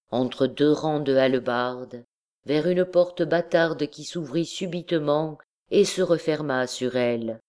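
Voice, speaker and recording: Woman reading a classic novel slowly. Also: sits low, a little mellow, clean tone. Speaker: audiobook reader.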